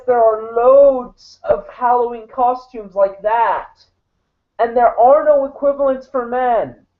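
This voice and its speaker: A woman giving casual, blunt commentary as she reacts to a video and cuts in with retorts. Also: fairly high pitch. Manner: blunt, interrupts the clip with retorts. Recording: tinny phone-like audio.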